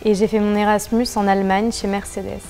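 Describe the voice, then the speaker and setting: A woman's voice: mid-range voice, flat delivery, a little fast, over music. A young woman, an apprentice at a truck maker, speaking hesitantly with fillers.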